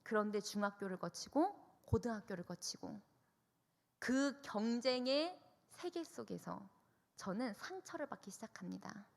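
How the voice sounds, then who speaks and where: A young woman youth minister giving an emotional testimony sermon, telling her story with animated, expressive delivery. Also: fairly high pitch, measured pace, vocal fry, big-room sound. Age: young adult. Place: church hall.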